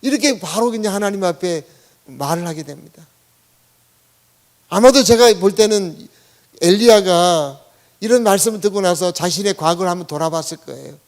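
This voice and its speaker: In a church sanctuary, a man who is the senior pastor preaches a Sunday sermon conversationally, often questioning the congregation and leading them in reading aloud. His voice is high and a little mellow, at normal speed with frequent pauses.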